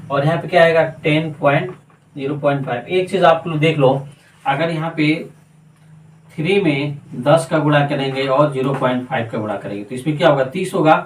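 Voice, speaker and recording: A man's voice: fairly high pitch, roomy sound, far from the mic, a little hiss or hum, low-quality recording. A man teaching a math lesson step by step, counting aloud and answering his own questions as he works.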